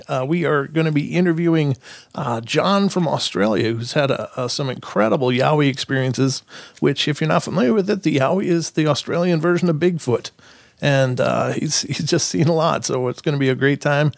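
Guy hosting a podcast, chatty and encouraging, lots of vocal fry, very dry close sound. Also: fairly high pitch, a little fast, no room sound. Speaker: podcast host and interviewer.

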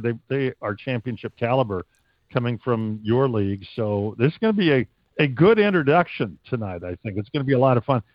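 A man's voice: medium pitch, no echo, highs cut off. A man from the United States who works as a stadium announcer, answering interview questions casually and wordily, with stops and starts.

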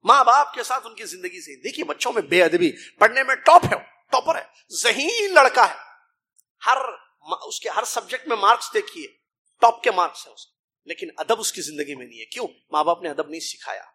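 A man's voice: sits high, lively intonation, sharp tone, husky. A middle-aged man from India or Pakistan gives an emphatic sermon in a mosque, often asking rhetorical questions and calling his listeners brother. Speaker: preacher translating a Friday sermon.

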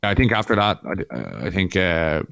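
A man with a low, smooth voice chats casually as a podcast co-host. He is understated and halting, circling back over his phrases. The recording is dry. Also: sing-song, a bit bright, dry recording. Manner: hesitant, repeats phrase openings, understated. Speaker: podcast co-host and MMA analyst. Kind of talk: casual chat.

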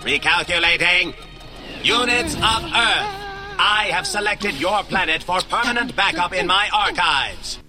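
A man's voice: high voice, lively intonation, a little slow, music in the background. An actor voicing a male robot supervillain in a cartoon, with a filtered robot voice that glitches through error alerts. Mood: glitching, menacing. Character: menacing male robot supervillain, cold and mechanical. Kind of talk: cartoon voice acting.

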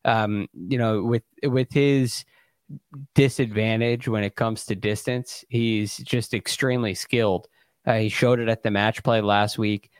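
A man's voice: lowish voice, fairly even intonation, measured pace, clean tone, dry recording. A man co-hosting as a golf commentator, explaining shots in a casual, conversational way with hesitant phrasing. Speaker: golf podcast co-host and analyst.

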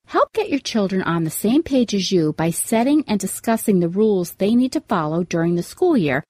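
A woman presents scripted advice like an upbeat, organized vlogger. Her intonation is very lively, stressing each item in turn, and the sound is dry, with hardly any room. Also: medium pitch, moderate pace, no room sound. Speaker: podcast host giving parenting tips.

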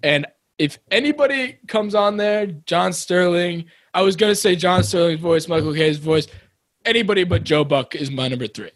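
A young man, chatting excitably and rambling on a podcast. His voice sits fairly high for a man, and he jokes as he talks. The sound is close and dry, with no room around it. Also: normal speed, dry recording. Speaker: podcast co-host. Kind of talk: casual chat.

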